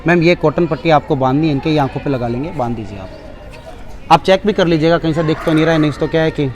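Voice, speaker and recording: A man's voice: a little high, animated, quick pace, a little mellow. A man giving a live demonstration speech at a school seminar, coaxing the children and mixing in English phrases. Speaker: seminar presenter.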